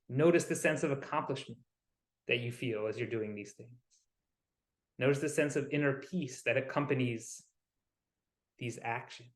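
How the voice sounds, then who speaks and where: The echo of a roomy space surrounds a mid-pitched male voice leading a meditation in the manner of a wellness coach. He talks gently and without haste, pausing between short phrases.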